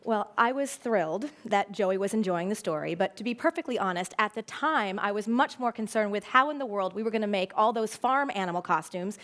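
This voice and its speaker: A woman in her forties, an educator, giving a prepared talk on stage in an expressive, storytelling manner. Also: medium pitch, a little fast, few pauses. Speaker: educator and speaker. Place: stage before a live audience.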